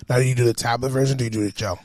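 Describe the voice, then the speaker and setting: A man's voice: medium pitch, steady tone, racing, darkish tone, dry recording. A man co-hosting a podcast, explaining things informally in casual chat. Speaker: podcast co-host.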